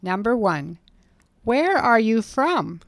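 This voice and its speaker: A woman reading English lesson prompts slowly and with clear, careful enunciation. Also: a little high, very animated, no echo. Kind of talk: scripted language lesson dialogue.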